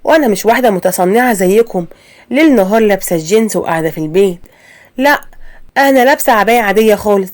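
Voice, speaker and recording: A woman's voice: mid-range voice, lively intonation, racing, natural voice. Woman voicing a timid young Egyptian wife. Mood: indignant. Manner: stammering, then indignant.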